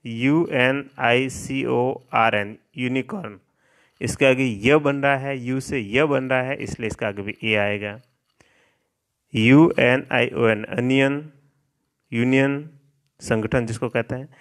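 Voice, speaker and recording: A man's voice: medium pitch, steady tone, moderate pace, fairly bright tone. A man teaching a lesson, spelling out English words letter by letter and repeating each rule.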